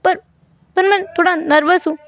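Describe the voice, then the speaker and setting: A woman's voice: very high voice, steady tone, moderate pace, fairly bright tone, dry recording, lo-fi sound, pitched above the performer's own voice. A woman voicing a shy, easily embarrassed young man in a storytelling fan fiction, stammering and protesting. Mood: flustered.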